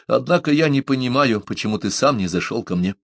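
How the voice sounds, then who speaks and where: A man's voice: mid-range voice, lively intonation, brisk, vocal fry, no echo, pitched above the performer's own voice. A man voicing a flustered young English sailor who answers in startled, indignant exclamations.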